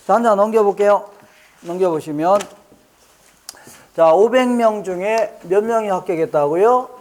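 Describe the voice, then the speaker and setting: Speaking at a moderate pace in a high voice with a darkish tone, a man gives a classroom lecture to exam students. Key phrases get repeated, he keeps confirming everyone is keeping up, and he slips in light jokes with the class.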